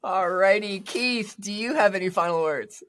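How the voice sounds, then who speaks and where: A man hosts a casual podcast, upbeat and relaxed. His talk is loose and sometimes stumbles. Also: high voice, normal speed. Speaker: podcast host.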